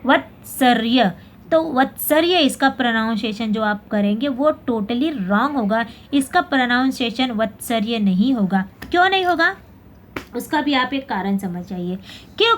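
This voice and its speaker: A woman teacher with a high voice leads a Hindi lesson. She explains patiently, repeats words slowly and gives the letters little personalities so the students follow. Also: fairly bright tone. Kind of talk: classroom lesson explaining pronunciation.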